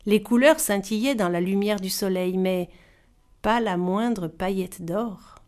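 A woman narrating a storybook tale aloud, expressive and giving each character a voice. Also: medium pitch, measured pace.

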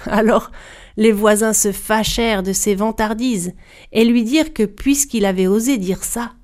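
A woman narrating a folk tale in a measured, even storybook style. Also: medium pitch.

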